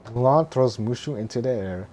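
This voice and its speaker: A man reading a film script as narration in a monotone, droning way, halting and stumbling over words. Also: mid-range voice, slight background noise.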